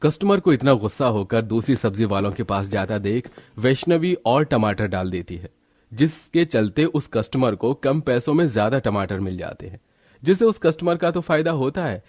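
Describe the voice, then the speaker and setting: A male storyteller reads the narration for an animated tale. His delivery is steady and plainly explanatory. The recording is dry and close-miked. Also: medium pitch, moderate pace, no echo.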